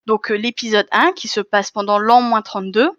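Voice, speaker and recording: A woman's voice: mid-range voice, fairly even intonation, normal speed, fairly bright tone, no echo, muffled recording. A woman giving a conference talk from slides, explaining step by step with fillers and self-corrections. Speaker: conference speaker. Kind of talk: live lecture with slides.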